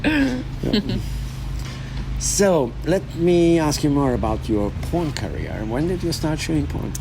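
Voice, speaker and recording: A man hosting a casual interview, halting and often repeating words while he thinks. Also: fairly high pitch, sing-song, gravelly, background noise. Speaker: host interviewing a guest.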